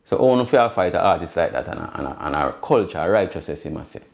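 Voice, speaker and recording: A man with a Jamaican accent hosting a casual commentary monologue, speaking emphatically in patois and often checking in with a quick "see?". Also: low voice, lively intonation, gravelly. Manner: keeps tagging points with a questioning "see?"; emphatic, loose storytelling in patois. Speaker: host.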